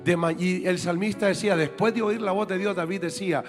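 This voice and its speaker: Male preacher, high voice, emphatic sermon delivery, church setting with soft music underneath. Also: steady tone, a little fast, in a large hall. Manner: emphatic, repeats key points for the congregation. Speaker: apostle and preacher. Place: church sanctuary.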